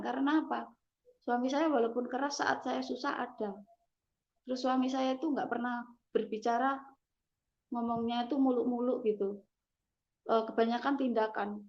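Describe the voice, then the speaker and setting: Halting woman, fairly high voice. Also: highs cut off. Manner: halting, emotional, frequent "gitu loh". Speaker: testimony giver. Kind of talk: personal testimony.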